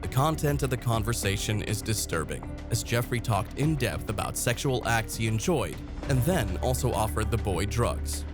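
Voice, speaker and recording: A man's voice: fairly low pitch, animated, moderate pace, few pauses. A man narrating true-crime cases in a grave, scripted delivery. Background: background music.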